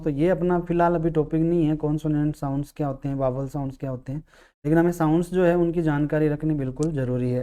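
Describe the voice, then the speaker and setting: Mellow-voiced male teacher. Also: on the high side, clean tone. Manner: patient, repeats key words, sounds out vowels slowly. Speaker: English teacher. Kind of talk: classroom-style explanation.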